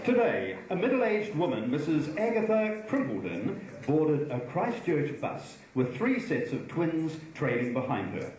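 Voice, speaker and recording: A man's voice: a little high, a little slow, hardly any pauses, a crowd in the background. A man telling joke news stories as a comic performer on stage. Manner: lively storytelling. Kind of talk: mock news reading. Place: theatre stage. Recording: echoey stage recording in a hall.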